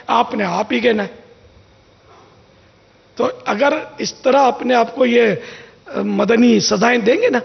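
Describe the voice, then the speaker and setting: Male preacher, high voice with heavy fry, chatty storytelling delivery, reverberant lo-fi sound. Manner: anecdotal, conversational, acts out quoted lines. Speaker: religious scholar giving advice. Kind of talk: informal religious talk. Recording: dull lo-fi sound with long reverb.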